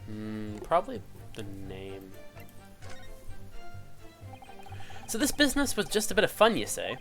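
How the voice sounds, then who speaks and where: A man playing a polite, questioning defence lawyer in a courtroom video game, with measured phrasing. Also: lowish voice, huge pitch swings, fairly bright tone, faint music behind, pitched below the performer's own voice, full character voice. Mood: wry, thoughtful.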